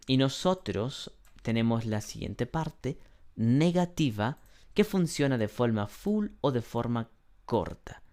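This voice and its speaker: Man, English teacher, slow careful delivery, throat-clearing, classroom lesson. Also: medium pitch, sing-song, a little mellow. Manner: slow, deliberate explanations, often clears throat.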